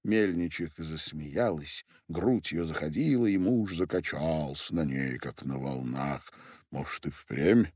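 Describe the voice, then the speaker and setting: A man's voice: rumbling low, unhurried, few pauses, darkish tone, no echo, clean studio sound. A man narrating a literary audiobook expressively, doing voices for the characters.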